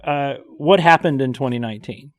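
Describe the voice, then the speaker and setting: A man's voice: medium pitch, a little fast. An upbeat man hosting a casual podcast chat. He explains ideas eagerly, with plenty of fillers along the way. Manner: enthusiastic, explanatory, with frequent fillers. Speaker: podcast host.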